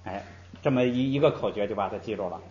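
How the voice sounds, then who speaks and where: A male language teacher with a lowish, darkish voice lectures quickly but patiently, stretching out example syllables and tossing in "hey" between points. The classroom-style talk is slightly muffled.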